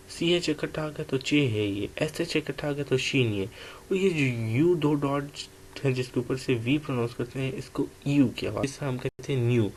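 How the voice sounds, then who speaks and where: A man gives a recorded language lesson, walking through letters and tones one at a time. His pitch sits in an ordinary middle range. A faint hiss runs under the recording. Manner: slow, explanatory, spells out letters one by one. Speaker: language teacher. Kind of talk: online lecture.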